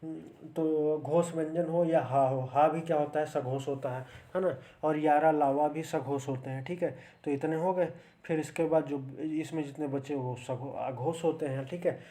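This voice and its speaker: Male grammar tutor, mellow tone and slightly high pitch, patient step-by-step exam-prep delivery. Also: fairly even intonation, moderate pace, few pauses. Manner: explains step by step with frequent checks like "ठीक है" and "है ना". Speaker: Hindi grammar teacher.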